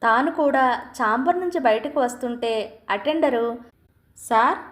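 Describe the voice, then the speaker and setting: A woman reading a story aloud in a calm, measured scripted narration. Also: on the high side. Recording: roomy echo.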